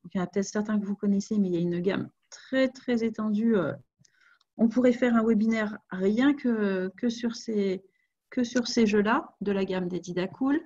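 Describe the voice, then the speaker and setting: A woman's voice: medium pitch, moderate pace, mellow, highs cut off. A woman co-hosting a webinar over a video call, talking casually while showing a website and checking in with the audience.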